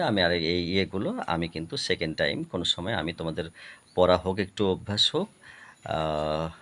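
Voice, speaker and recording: A man with a Bengali accent tutoring children, reading a text aloud slowly and then patiently explaining the meaning of each word. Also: low-pitched, fairly bright tone. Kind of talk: recorded lesson for children.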